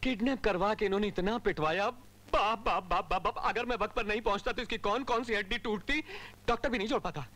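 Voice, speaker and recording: An actor dubbing a cocky young police officer who talks in a wry, theatrical way. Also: male voice, high-pitched, brisk, bright, forceful tone. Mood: playful. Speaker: hero in a dubbed film. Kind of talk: Hindi film dubbing.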